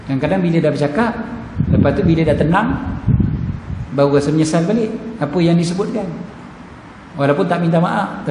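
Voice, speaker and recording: A man's voice: a little high, noisy background. A man with a Malaysian accent giving a mosque lecture as a religious teacher, joking and acting out the voices he quotes. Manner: humorous, acts out quoted voices. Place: mosque hall. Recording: echoey hall, background ambience.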